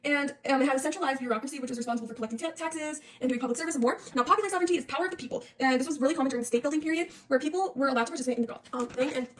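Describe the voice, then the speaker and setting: A young woman talks through her exam notes in a casual, slangy ramble, restarting words and sliding between topics. Her voice is high and very fast. She sits a little back from the phone, with faint hiss and clicks behind her. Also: far from the mic. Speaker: student reviewing for an exam. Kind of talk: casual study-review monologue. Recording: faint noise and clicks, voice off-mic.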